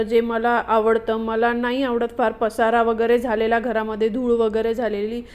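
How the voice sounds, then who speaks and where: Chatty woman vlogger, slightly high. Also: a little mellow. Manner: chatty, explaining home routines with many fillers. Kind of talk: casual voice-over vlog narration.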